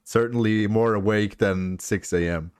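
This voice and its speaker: A man's voice: lowish voice, steady tone, measured pace, clear, resonant tone, dry recording, studio quality. A man co-hosting a podcast from home over a voice call, chatting casually and teasing his friend with a laugh. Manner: playful teasing, laughs while talking. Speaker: podcast co-host. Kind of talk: casual chat.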